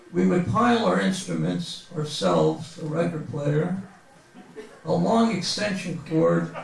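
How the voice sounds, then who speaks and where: Recorded from a distance in a very echoey bookstore, a male author with a high-pitched, gravelly voice reads from his humorous memoir to a live audience. His storytelling is comic and mock-grandiose.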